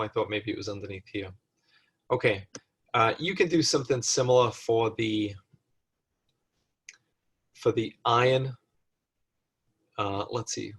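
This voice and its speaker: Guy lecturing on chemistry problems, talks it through out loud, fixes himself mid-thought, clicking behind. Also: mid-range voice, husky. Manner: thinks aloud, corrects himself mid-sentence. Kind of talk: recorded lecture walkthrough.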